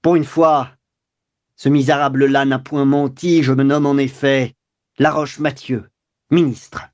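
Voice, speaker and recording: A man's voice: medium pitch, normal speed, a little mellow, natural voice. A man reading aloud, voicing a haughty government minister who stammers and then turns proud and indignant. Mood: cornered pride. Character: haughty male government minister caught in adultery.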